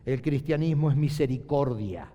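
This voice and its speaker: A middle-aged male pastor preaching a sermon, emphatic, repeating key phrases and slowing down to stress them. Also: medium pitch, lively intonation, dark tone, highs cut off. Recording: long hall reverb.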